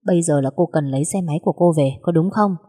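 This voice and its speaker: Storybook young male suitor, steady and teasing, read by a woman, husky lowish voice. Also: fast talker, long reverb tail. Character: young man, calm, teasing, persistent suitor.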